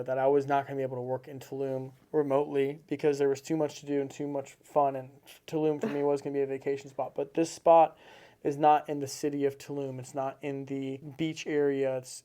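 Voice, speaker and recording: A man's voice: mid-range voice, little pitch movement, a little fast, warm tone. A man from Seattle, a podcast guest, talking earnestly in a casual interview with repetitive, emphatic phrasing. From Seattle, United States.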